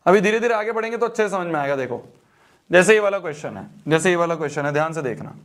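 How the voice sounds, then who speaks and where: A man's voice: a little high, expressive, racing. A young man teaching a math exam-prep lesson, repeating phrases and checking that students follow.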